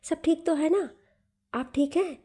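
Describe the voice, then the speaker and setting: A woman's voice: high voice, a little slow, mellow, voice pushed up. A woman voicing a flustered, exasperated grown son in a story. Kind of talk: storybook narration.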